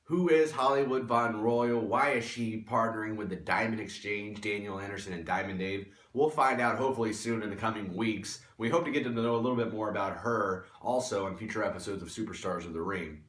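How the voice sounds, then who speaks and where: A man hosting a wrestling show, introducing segments in an emphatic, measured presenter style. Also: fairly low pitch, fairly even intonation, a bit bright. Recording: echoey room.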